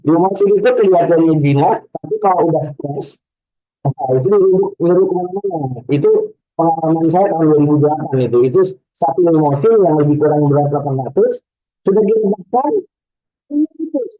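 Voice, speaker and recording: A man's voice: fairly high pitch, expressive, a little fast. A male religious teacher explaining things with frequent hesitations, heard over a bad video-call connection that keeps breaking up. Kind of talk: online teaching talk. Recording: dull lo-fi call audio.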